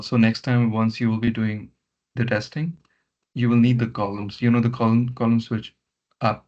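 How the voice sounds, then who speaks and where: A software trainer leads a step-by-step online walkthrough during a meeting call, speaking in a medium-pitched voice and repeating words and instructions. The lo-fi meeting audio sounds muffled.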